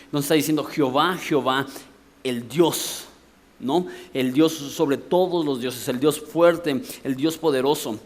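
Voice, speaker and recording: This is a man with a fairly high voice and a measured pace, a Mexican pastor delivering a sermon from the pulpit. His Mexican Spanish accent comes through as he explains points in a conversational way and asks rhetorical questions.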